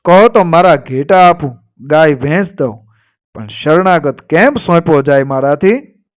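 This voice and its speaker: A proud, fearless old Rajput matriarch who speaks with firm conviction, as a male storyteller voices her. She recites verse in a slow, measured way in a fairly high voice. The delivery stays earnest and resolute. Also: animated. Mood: firm, protective. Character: proud older Rajput woman, fearless protector.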